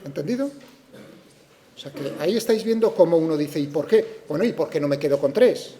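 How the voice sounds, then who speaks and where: Speaking at normal speed and with animation, a male physics teacher from Spain delivers a lecture in a mellow, slightly high voice. He anticipates the objections his students might have and answers them, repeatedly checking that everyone is following.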